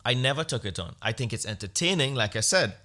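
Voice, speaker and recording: Talking fast in a mid-range, expressive voice with a sharp edge, a man rants on his podcast. The monologue is casual and opinionated, and he's blunt, sarcastic and profane.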